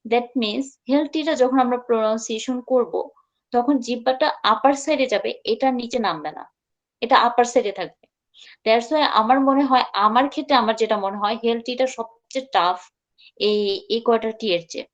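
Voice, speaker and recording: A woman teaching English pronunciation in an online live class, patiently repeating words slowly and mixing in English phrases. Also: a little high, lo-fi sound.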